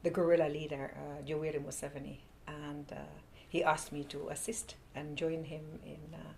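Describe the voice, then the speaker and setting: A woman's voice: deep voice, little pitch movement, normal speed, vocal fry, mellow, slight background noise, poor audio. A woman from the Netherlands serving as an ambassador, answering interview questions with many hesitant fillers.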